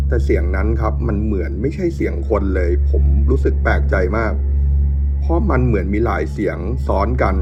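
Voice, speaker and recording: A man with a fairly low voice tells a ghost story in the first person, keeping it hushed and suspenseful. The sound is a bit dull and lo-fi, with faint music underneath.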